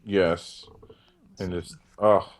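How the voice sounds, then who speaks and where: A man co-hosting a casual film chat, jokey and animated, laughing often. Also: sits low, drawn-out words. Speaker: podcast co-host.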